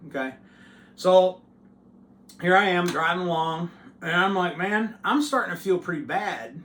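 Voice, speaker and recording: A man who hosts his own channel, telling a story to camera in a loose, profane and animated way. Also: fairly high pitch, reverberant, a little hiss or hum. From United States. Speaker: channel host.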